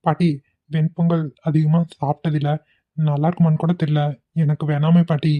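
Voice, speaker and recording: A young cartoon husband with a deep, low voice, put on by a woman, snapping out quick, curt lines. He is blunt and short-tempered, and he scolds more than he talks. The sound is a little dull and lo-fi. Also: little pitch movement, natural voice. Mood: irritated.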